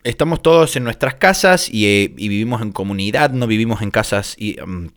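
A man's voice: fairly low pitch, animated, fairly quick, fairly bright tone. A man from Argentina with a Córdoba accent, chatting casually and playfully at home and laughing easily. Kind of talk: casual chat. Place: home during lockdown.

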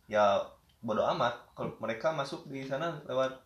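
A man hosting a casual chat, prompting his friends with relaxed, slangy questions. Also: medium pitch, brisk, echoey room, muffled recording, a little hiss or hum. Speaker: host asking questions.

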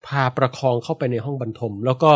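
A man's voice: mid-range voice, steady tone, fast. A man telling a folk tale on a casual podcast, acting out screams and sound effects as he goes. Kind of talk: casual storytelling.

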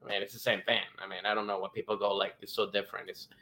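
Lower-voiced man. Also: flat delivery, very fast, bright, forceful tone. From Venezuela. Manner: rambling, repeats "I mean". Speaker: podcast co-host. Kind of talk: casual podcast chat.

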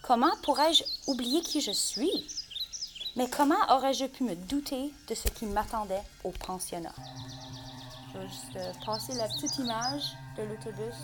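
A woman reading a story aloud to a class in a slow, soft, measured way. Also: fairly high pitch, heavy background noise.

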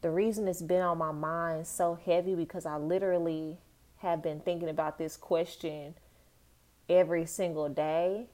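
A woman's voice: lowish voice, level tone, normal speed, dark tone. A woman who teaches dance talks through her thoughts in a casual vlog monologue. She speaks reflectively, fills her sentences with "like," and keeps asking rhetorical questions.

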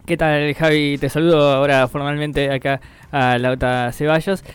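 A man's voice: on the high side, little pitch movement, moderate pace, smooth, faint music behind. A man co-hosting a radio interview, asking thoughtful, hesitant questions. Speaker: radio co-host.

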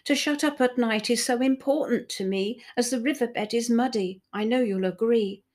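A woman voicing a sad, polite giant river clam in a storybook, in a high, plaintive voice. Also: moderate pace, darkish tone. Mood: fretful.

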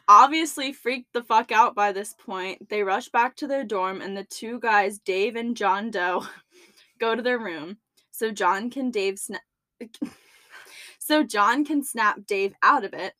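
A woman's voice: on the high side, sharp tone, no echo. A young woman co-hosting a podcast, reading a story aloud and chatting casually, laughing between lines. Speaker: podcast co-host.

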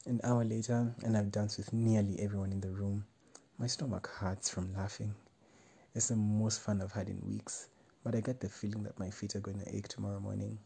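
A man reading a first-person story aloud in a measured, wry way. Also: lowish voice, vocal fry, mellow, slightly rough. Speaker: narrator.

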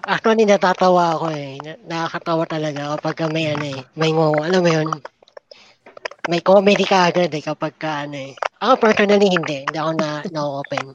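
A performer doing a nasal, software-altered comic character. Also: mid-range voice, fairly quick. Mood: bashful. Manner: speaks with a nasal, muffled speech impediment, laughs often. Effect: voice-changing software. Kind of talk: comedic podcast banter. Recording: noisy clicking background.

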